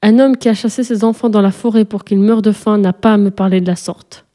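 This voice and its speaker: A woman narrator voicing a lonely old female witch in a storybook, speaking softly and pleadingly. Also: medium pitch, steady tone, fairly quick, close to an everyday voice. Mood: cold. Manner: soft, pleading.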